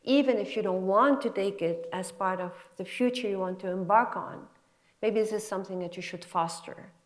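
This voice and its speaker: A middle-aged physician scientist from Lebanon and France gives a guest lecture to students, motivating them in an emphatic, conversational, encouraging manner. Her voice is mid-range and she speaks at normal speed.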